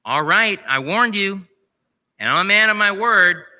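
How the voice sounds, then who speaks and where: A man's voice: sits high, animated, measured pace, bright, forceful tone, pitched above the performer's own voice, full character voice. A man playing an exasperated pet owner sternly scolding his cursing parrot, his voice pushed up and raised. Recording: long reverb of a large hall.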